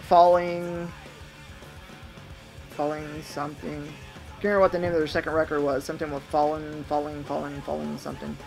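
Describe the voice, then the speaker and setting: A man's voice: a little high, poor audio. Rambling, musing man in his thirties. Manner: reflective, musing. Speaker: vlogger. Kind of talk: rambling monologue to camera. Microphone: camera mic.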